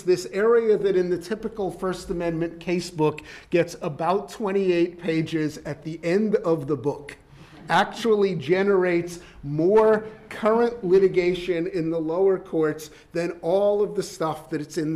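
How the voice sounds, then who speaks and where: A man giving an academic law lecture in a measured, deliberate way, with frequent ums and uhs. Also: high-pitched, darkish tone. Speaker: law professor. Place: lecture hall.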